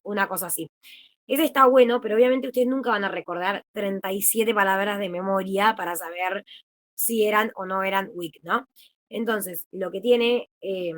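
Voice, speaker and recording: A woman's voice: mid-range voice, fairly bright tone. A young woman with an Argentine accent, a peer tutor explaining things in a chatty, easygoing way over a video call. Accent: Argentine Spanish. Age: young adult. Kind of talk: informal online study session.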